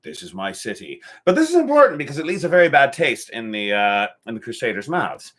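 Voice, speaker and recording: Bright-voiced jokey history-podcast man. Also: on the high side, very animated, fast. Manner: rambling and jokey, with filler and restarts. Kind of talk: casual joking history chat.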